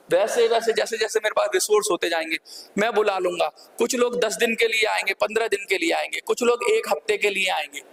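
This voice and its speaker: Older guy organizing pensioners, rousing repetitive appeal, kinda gravelly. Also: sits high, fairly bright tone. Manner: fervent, repetitive rallying speech.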